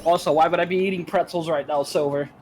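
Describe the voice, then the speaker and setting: A man's voice: fairly high pitch, fairly even intonation, quick pace. Dry-joking man on a noisy voice chat. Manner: dry, teasing jokes. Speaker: friend on the stream. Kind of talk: casual voice-chat banter.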